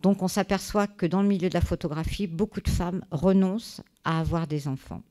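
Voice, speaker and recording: A woman giving a conference talk, reading a prepared text in a measured way, with small fillers and restarts. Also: lowish voice, dark tone. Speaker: conference speaker. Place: conference hall.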